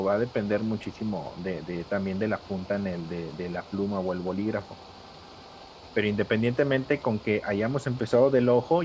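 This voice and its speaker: A man's voice: fairly low pitch, darkish tone, lo-fi sound, a little hiss or hum. A man teaching a live drawing class, patient and step by step, calling on students by name.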